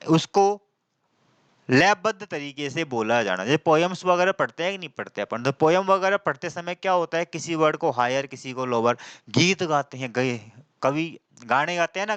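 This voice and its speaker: Male teacher, smooth and dry. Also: a little high, a bit bright, no room sound. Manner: asks the class questions and answers them himself, repeating key terms; mixes in slow, deliberate English definitions. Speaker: English teacher. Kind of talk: classroom lecture.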